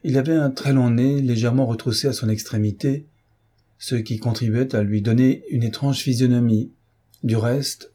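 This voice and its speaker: A man narrates a classic novel in a measured, even storytelling voice. His tone is dark and mellow with a husky edge. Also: mid-range voice. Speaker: audiobook reader. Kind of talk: reading a classic novel aloud.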